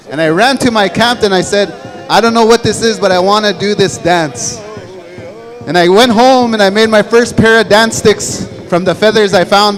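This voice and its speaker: A man with a distinctly high voice speaks to young men at a powwow. His delivery is earnest and conversational, in the style of a motivational talk built on personal storytelling. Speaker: fancy dancer addressing young men at a powwow.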